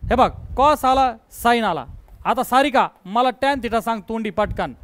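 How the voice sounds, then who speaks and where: A man's voice: very high-pitched, normal speed, fairly bright tone. A man with a Marathi accent teaching a math class, coaxing students and checking again and again whether they follow. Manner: coaxing, repeatedly checks understanding. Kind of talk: classroom lecture. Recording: noisy classroom recording.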